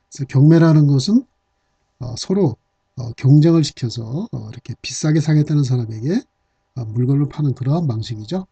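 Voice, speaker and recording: A man's voice: medium pitch, dark tone, husky, no echo. Man teaching hanja with many fillers. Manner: frequent "아" and "어" fillers, explanatory. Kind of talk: hanja vocabulary lesson. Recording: dull, slightly lo-fi dry recording.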